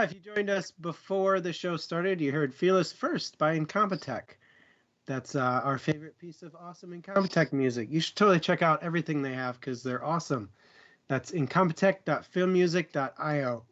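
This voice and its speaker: A man co-hosting a book discussion livestream chats casually, cracking jokes, making puns, and doing plugs. His voice is on the high side and a bit bright, though the highs are cut off.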